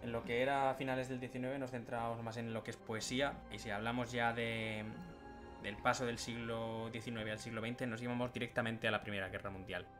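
Guy cohosting a chatty podcast, mid pitch, goes on at length, faint music under it. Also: little pitch movement, a little fast. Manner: conversational, explains at length. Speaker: podcast co-host. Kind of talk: casual chat.

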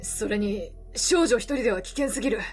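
A woman voicing a middle-aged male travel reporter from a game, world-weary, kindly, calm and measured. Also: slightly rough, soft background music. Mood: calm, grave. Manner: calm, low, measured delivery. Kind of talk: reading game dialogue in character.

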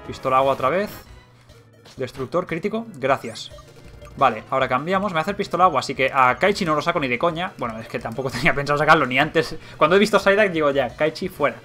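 A young man with a Spain Spanish accent talks through a video game while he plays, thinking aloud and cursing when things go wrong. His voice sits a little high and sounds bright and sharp, with faint game music under it. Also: quick pace. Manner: excitable, swearing, thinking aloud. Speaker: let's play gamer. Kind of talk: live game commentary.

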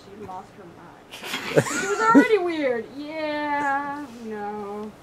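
A woman's voice: sits high, big pitch swings, slow pace, crowd noise, rough recording. A woman chatting casually with friends while talking inside a costume head, giggling often. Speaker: fursuit wearer trying a costume. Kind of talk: casual chat among friends.

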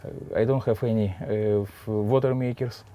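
A man with a Russian accent speaking halting, simple English in a casual interview, often repeating words. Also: fairly low pitch, steady tone, warm tone. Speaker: adventurer and sailor, interviewee. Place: on a sailboat in a marina, cockpit and cabin. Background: music.

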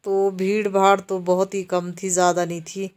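A woman from Himachal Pradesh, India, with a medium-pitched voice, films a casual walking tour of a busy outdoor market on a handheld camera. She talks slowly and evenly, explaining the shops to her viewers as she walks.

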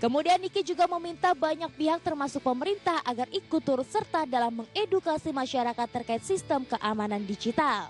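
A woman presenting a business news segment, reading a scripted voice-over in a bright, upbeat way. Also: high-pitched, animated, fairly quick, hardly any pauses, soft background music.

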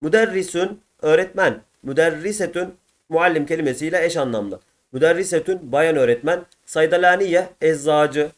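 A man with a Turkish accent walks students through a textbook vocabulary lesson, saying each word and then its meaning, often twice. His voice sits a little higher than most men's. He talks to his viewers as friends, in a patient, steady way. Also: moderate pace. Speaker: Arabic teacher. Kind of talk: textbook answer walkthrough lesson.

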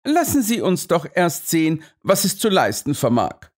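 A male audiobook narrator voicing a calm, unshakable detective who speaks with quiet assurance. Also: a little high, pitched above the performer's own voice. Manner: composed, unhurried and assured. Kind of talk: audiobook character voice.

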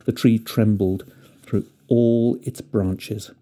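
A man narrating a fairy tale with gentle, expressive storytelling. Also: lowish voice, slow.

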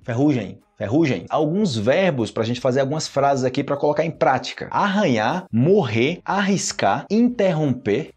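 Husky Brazilian man teaching pronunciation. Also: fairly high pitch, darkish tone. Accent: Brazilian Portuguese. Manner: repeats words slowly to drill pronunciation. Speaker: Portuguese teacher. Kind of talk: casual online language lesson.

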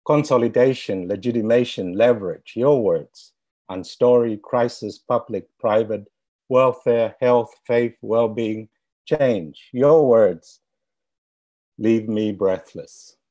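A man standing in as a poet, explaining a poetic benediction and then reciting his poem in a slow, measured way. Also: medium pitch, mellow, dull audio.

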